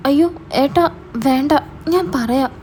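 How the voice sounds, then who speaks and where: A woman's voice: high-pitched, unhurried, dark tone, slight background noise. A woman voicing a scared teenage younger sister who stammers and pleads with her brother. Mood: scared pleading. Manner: hesitant, stammering.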